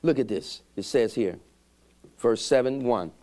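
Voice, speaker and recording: A man's voice: medium pitch, warm tone. A middle-aged man preaching a sermon as pastor to his congregation, drawing out emphatic phrases and asking them to answer back. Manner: call-and-response preaching, drawn-out emphatic phrases. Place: church sanctuary with congregation.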